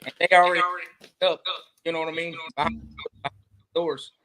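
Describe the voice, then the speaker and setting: Male caller on a bad connection: choppy, corrupted audio, distant and a bit higher-pitched. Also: fairly even intonation, fairly quick, a bit bright. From West Virginia. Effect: choppy audio cutting in and out. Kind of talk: casual call-in chat.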